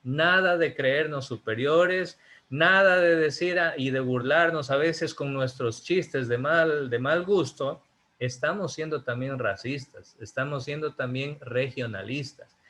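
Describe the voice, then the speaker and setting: A male teacher lectures his students over a video call. His voice sits a little high, and he speaks emphatically, asking rhetorical questions and then answering them himself. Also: measured pace, sharp tone, slight background noise. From Ecuador. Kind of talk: online class lecture.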